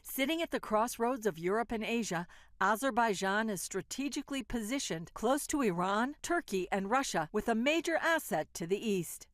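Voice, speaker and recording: A woman's voice: a little high, expressive, normal speed, no room sound, studio quality. A woman with an American accent narrating a scripted news report as a correspondent.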